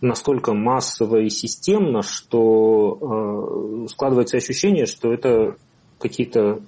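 A man speaks as an expert guest over a video call. His voice is mellow and husky, and he answers slowly and thoughtfully, pausing often on fillers. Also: medium pitch, rough recording. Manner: thoughtful, halting, many fillers. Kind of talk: interview answers.

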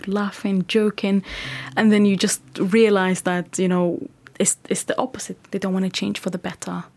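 A woman in her thirties from Somalia, telling her own story in an interview, reflective and quick in places. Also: medium pitch, a little mellow, breathy edge.

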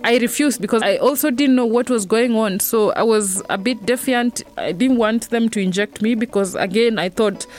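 A woman's voice: a little high, moderate pace, few pauses, darkish tone. A woman telling a personal account in a plain, matter-of-fact way. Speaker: guest in episode preview.

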